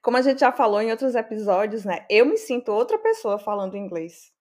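A Brazilian woman co-hosting a podcast, speaking in a relaxed, conversational way. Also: a little high, a little fast. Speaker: podcast co-host. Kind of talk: casual conversation.

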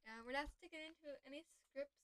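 A woman's voice: sits high, fast talker, a bit bright. A young woman co-hosting a podcast, talking in a bubbly, giggly casual way. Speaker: podcast co-host. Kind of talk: casual chat.

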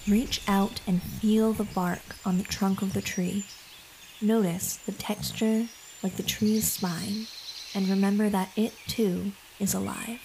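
Calm woman doing guided meditation, soft gentle delivery, really slow, mid pitch. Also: gravelly, a little hiss or hum. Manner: calm, gentle, soothing, unhurried. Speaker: podcast host and meditation guide. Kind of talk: scripted guided meditation narration. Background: background music.

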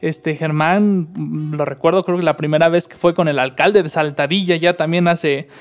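A man, interviewing a guest in a relaxed, admiring way. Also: fairly high pitch, moderate pace, smooth. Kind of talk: casual interview chat.

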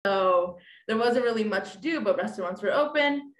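Telling a dating story as a guest on a podcast, a woman in her late twenties chats casually at normal speed in a medium-pitched voice, and the room sounds echoey. She acts out quoted dialogue with animation and leans on many fillers.

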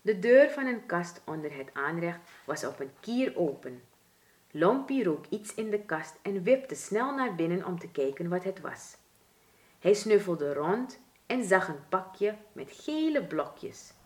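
Surinamese dutch woman reading a kids' storybook, super slow, really animated voice. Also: fairly low pitch. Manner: expressive, deliberate.

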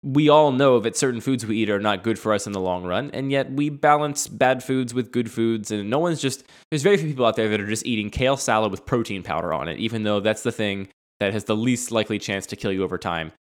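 A man's voice: fairly low pitch, fast, few pauses. A man co-hosting a casual conversation, working through his argument and laughing often. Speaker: podcast co-host.

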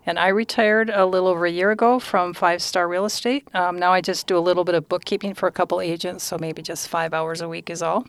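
A woman's voice: on the low side, steady tone, fast talker, hardly any pauses, no echo. A woman in her sixties, a guest on a podcast, talking about her life in a brief, matter-of-fact way. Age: 60s. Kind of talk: casual chat.

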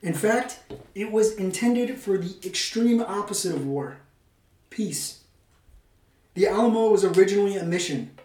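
High-voiced man hosting in an echoey room. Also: normal speed, pauses often, darkish tone. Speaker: podcast host. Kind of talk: semi-scripted podcast narration with casual banter. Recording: roomy echo, distant microphone.

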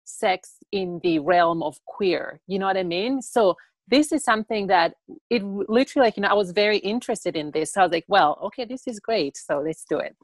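A woman's voice: mid-range voice, a little fast, no room sound. A young woman from Tanzania, a guest in a casual interview, who talks in a rambling way with many fillers.

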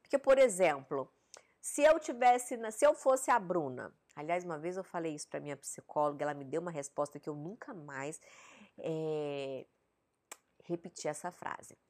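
A woman's voice: deep voice, moderate pace, a little mellow. A woman with a Brazilian Portuguese accent hosting a live-stream Q&A, answering viewers' relationship questions in a frank, direct way and often checking in with short tag questions.

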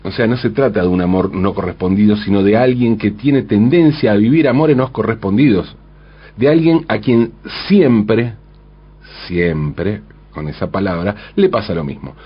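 Male commentator, reflective lyric analyst, slightly low and breathy-husky tone, muffled recording. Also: animated, normal speed. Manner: thoughtful, frequent rhetorical "¿no?", self-corrections.

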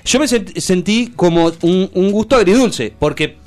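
A young Uruguayan man with a Uruguayan Spanish accent, hosting a radio show and telling a story in casual chat, acting out dialogue. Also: measured pace. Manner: animated, acts out dialogue in a low voice.

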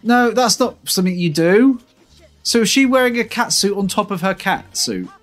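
A man co-hosting a podcast, chatting casually about a film, animated and laughing often. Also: sits high, moderate pace, faint music behind. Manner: animated, laughs often, drops into quiet asides. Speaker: podcast co-host.

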